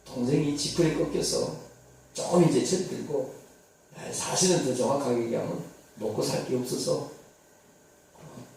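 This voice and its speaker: A male pastor telling a sermon story dramatically, swinging from hushed to loud. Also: mid-range voice, moderate pace, gravelly, long pauses. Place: church sanctuary. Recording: echoey church hall, distant mic.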